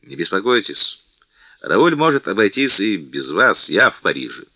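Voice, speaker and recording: A man's voice: on the low side, sing-song, moderate pace, sharp tone, dry recording, highs cut off, full character voice. A man reading the part of a bold, jovial middle-aged musketeer captain who speaks in a hearty, persuasive way.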